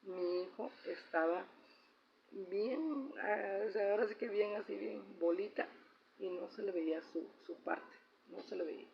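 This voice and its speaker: A middle-aged woman with a Mexican accent shares a family story in a casual personal vlog, chatting away and often ending phrases with a questioning "¿no?". Her medium-pitched voice is gravelly and a little slow, and the recording is slightly dull with faint noise.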